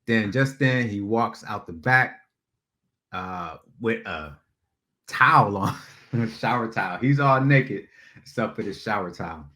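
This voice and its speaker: A man's voice: lowish voice, lively intonation, a little slow, sharp tone. A man vlogger telling a story casually, laughing often and using slang.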